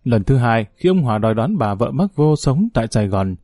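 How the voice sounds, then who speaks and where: A man narrating an audiobook story in a steady storytelling reading. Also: medium pitch, fairly quick, dry recording, studio quality.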